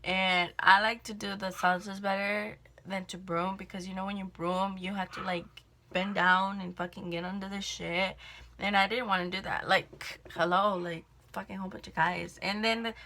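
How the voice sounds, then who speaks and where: Bright-voiced young woman rambling a storytime. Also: mid-range voice, steady tone, moderate pace, slight background noise. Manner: rambling, filler-heavy, frequent swearing. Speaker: vlogger telling a work story. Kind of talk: casual storytime vlog. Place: indoors at home, doing makeup.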